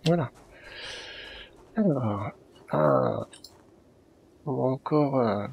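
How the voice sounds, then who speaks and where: Gravelly Frenchman commenting on a game. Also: mid-range voice, wildly swooping pitch, very slow, narrow, tinny audio, slight background noise. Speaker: let's play streamer.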